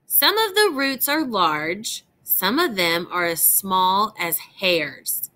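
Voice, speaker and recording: In a sharp, sing-song voice of medium pitch, a woman reads a picture book to young children as a teacher might. She addresses them directly and phrases things with deliberate care.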